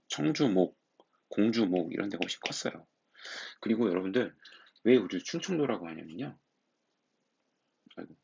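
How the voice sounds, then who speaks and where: A man teaching a high school history lesson, explaining step by step and putting rhetorical questions to his students. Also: vocal fry, breathy edge. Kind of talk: classroom lecture. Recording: dull lo-fi recording.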